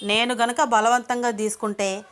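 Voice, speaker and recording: A woman's voice: a little high, flat delivery, normal speed, a bit bright, clear, resonant tone, pitched above the performer's own voice, close to an everyday voice. A woman voicing a crude, threatening male rowdy in a storybook reading, with coarse, bullying speech. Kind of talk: storybook character voice.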